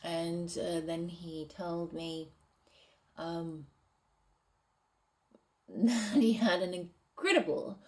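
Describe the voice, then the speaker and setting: A woman reads from her novel draft and talks it over, hesitant and pausing to rethink her wording. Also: lowish voice. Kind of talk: casual reading and commentary.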